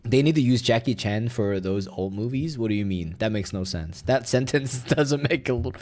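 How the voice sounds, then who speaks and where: This young man, a native Mandarin speaker, rambles through casual reaction-stream chatter laced with profanity and filler words. He has a medium pitch, lively intonation, normal speed and a slightly mellow sound. A little hiss or hum is audible.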